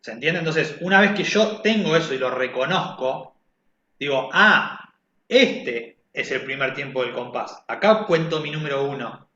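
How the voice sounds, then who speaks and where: A man's voice: fairly high pitch, animated, moderate pace, bright, forceful tone. A man teaching a music class, explaining conversationally and often checking understanding. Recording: echoey, dull lo-fi sound.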